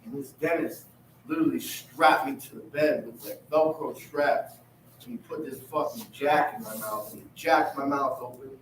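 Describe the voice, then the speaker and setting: A man's voice: medium pitch, normal speed, fairly bright tone. Profane man in an echoey room. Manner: casual, profane storytelling. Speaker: group member. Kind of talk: group counseling share. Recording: echoey room, mic far off, noisy.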